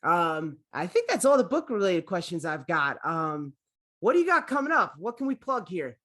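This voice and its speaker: A man's voice: high voice, very animated, normal speed, sharp tone. A man, hosting an interview in a casual, chatty way. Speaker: interview host. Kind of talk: casual chat. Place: home room, video call.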